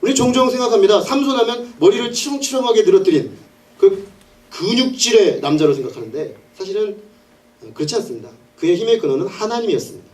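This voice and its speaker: A male pastor preaching an animated sermon, telling the story with laughs and acted-out scenes. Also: high voice, quick pace, distant mic.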